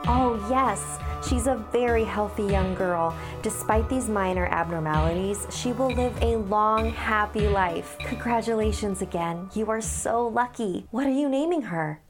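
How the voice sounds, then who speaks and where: A woman voicing a cheerful midwife who chats brightly and reassures new parents. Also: mid-range voice, measured pace, hardly any pauses, over music, pitched above the performer's own voice, lightly acted.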